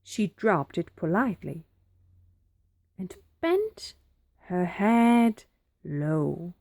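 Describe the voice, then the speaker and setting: Slow, expressive woman reading aloud. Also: lowish voice, creaky. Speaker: storybook reader. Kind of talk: children's picture book read-aloud.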